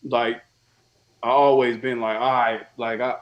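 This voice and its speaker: A man's voice: medium pitch, level tone, a little slow, dull audio. A young man from Chicago's South Side with a Chicago accent, chatting casually and profanely as a podcast guest. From Chicago, USA. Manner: laid-back, profane, repeats himself. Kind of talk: casual chat.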